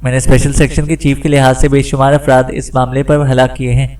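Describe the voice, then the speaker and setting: A man's voice: medium pitch, level tone, a little fast, darkish tone, far from the mic, lightly acted. A man voicing a frightened, captured male gang section chief in an audiobook, hesitant and stammering. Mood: scared.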